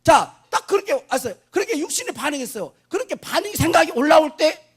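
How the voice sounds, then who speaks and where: A pastor preaches a sermon in an extremely high voice with big pitch swings and a fast pace, posing questions to the congregation and answering them himself. He moves from hushed asides to shouted declarations, with faint music playing behind him.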